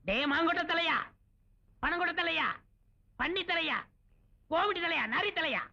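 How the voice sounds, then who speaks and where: A man's voice: very high-pitched, lively intonation, fast, bright, forceful tone, husky, full character voice. An actor playing a sly, cheeky sidekick who schemes and mocks his boss in a comedy film scene. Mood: mocking. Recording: dull lo-fi old film audio.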